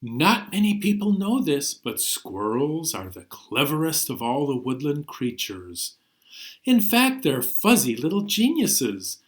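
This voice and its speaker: Pitched fairly high, this man's voice swings hugely in pitch at a measured pace. He is a librarian reader leading a children's storytime, telling animated stories and singing songs for little ones in a playful, expressive way with sudden emphasis.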